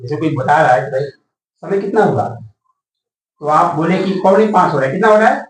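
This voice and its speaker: In a classroom lesson, a man with a fairly high, expressive voice keeps asking his students rhetorical questions and repeating their answers. He spells words out slowly, letter by letter, and calls out key words. The room is echoey and he sounds far from the mic.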